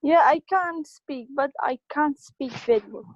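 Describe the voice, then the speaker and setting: A woman's voice: high voice, a little slow, no echo, muffled recording. A woman from Iraq learning the language, speaking hesitantly in broken phrases. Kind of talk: casual conversation.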